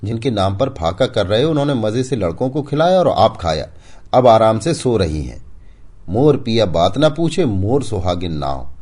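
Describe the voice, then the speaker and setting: A man voicing a sharp-tongued young village wife with a taunting, biting manner. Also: lowish voice, very animated, normal speed, breathy edge, voice pushed up.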